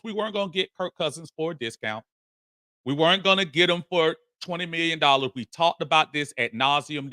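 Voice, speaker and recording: A man hosting a live sports talk stream, energetic and folksy as he greets his viewers. His voice sits high and rings very bright and forceful. The sound is dry and close, with no room echo. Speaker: sports talk show host.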